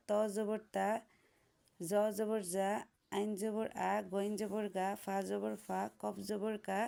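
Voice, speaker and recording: A Bangladeshi woman teacher reads through workbook answers aloud, ticking off each item in a steady, drilled rhythm. Her voice is heavily gravelly with strong fry, and she keeps her pitch almost flat from item to item. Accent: Bangladeshi Bengali. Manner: steady drilled listing, letter by letter. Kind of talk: reading textbook answers aloud, recitation.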